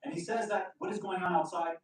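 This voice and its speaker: A man's voice: sits high, steady tone, fast. A man telling a religious story in a sermon, voicing the figures' words and rising to impassioned pleas. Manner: retells quotes in character, rising to impassioned pleading. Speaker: speaker at a religious gathering. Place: large hall or center. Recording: roomy echo from a distance.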